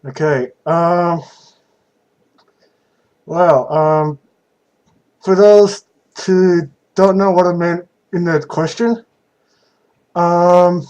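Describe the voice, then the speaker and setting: A young man speaks in a slightly high voice at a slow pace. He talks casually and without a script, like a vlogger taking viewer questions. His delivery is halting and hesitant, with frequent pauses in the middle of sentences. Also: fairly even intonation, a little mellow, clean tone, dull audio. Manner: halting, hesitant, pausing often mid-sentence. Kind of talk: casual unscripted question-and-answer talk.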